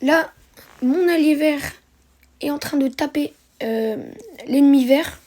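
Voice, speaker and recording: Woman, high mellow voice, walking viewers through a strategy match with lots of "uh"s and restarts. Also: takes it slowly. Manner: hesitant, many fillers and self-corrections. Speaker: gameplay commentator. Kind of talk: narrated strategy game replay commentary.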